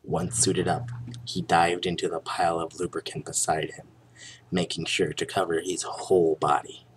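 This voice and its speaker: A young adult man giving a hammy, mock-serious dramatic reading of a story, with drawn-out theatrical pauses. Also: deep voice, level tone. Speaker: reader of a fan fiction story. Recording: noticeable background noise.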